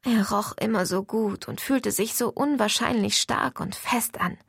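Woman narrator, first-person audiobook reading, gravelly voice, dry close sound. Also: medium pitch, unhurried, dry recording.

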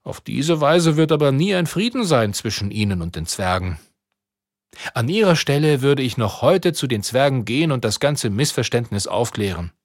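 A man reading aloud, voicing a sensible young man in a calm, reasonable tone. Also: mid-range voice, moderate pace, dry recording, clean studio sound.

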